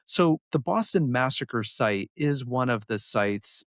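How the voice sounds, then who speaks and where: A man's voice: mid-range voice, expressive, slow, no room sound, studio quality. A man from Connecticut hosting a podcast interview, asking long questions that wander and correct themselves. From Connecticut, USA. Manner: rambling, self-correcting questions. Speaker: podcast host.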